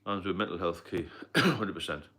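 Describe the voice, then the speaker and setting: A man's voice: low voice, lively intonation, normal speed, pushed and bright. A middle-aged British man with a British accent, hosting a rambling, casual live stream about staying sober, with frequent fillers and coughs. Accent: British English. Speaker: livestream host, sobriety mentor.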